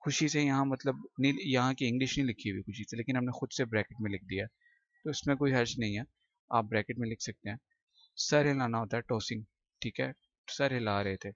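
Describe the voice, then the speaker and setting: A man's voice: medium pitch, a little fast, no room sound, highs cut off. A male English teacher giving a recorded lesson, explaining each word patiently and often repeating himself. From Pakistan.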